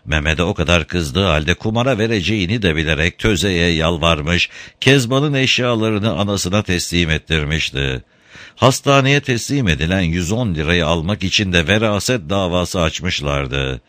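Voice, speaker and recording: A man narrating a story aloud in an expressive storytelling manner. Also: sits low, moderate pace, dry recording. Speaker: reader.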